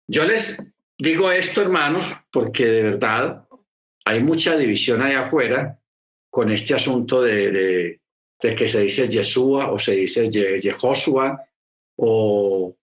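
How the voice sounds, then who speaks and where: A man's voice: mid-range voice, fairly bright tone, roomy sound. A man preaching a sermon, explaining patiently and repeating key phrases for emphasis. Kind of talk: sermon teaching.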